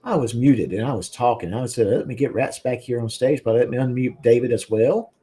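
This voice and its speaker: A man's voice: mid-range voice, fairly quick, dark tone, slightly rough. A man hosting a casual drinking chat show, rambling with lots of fillers and easy laughs. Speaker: podcast host.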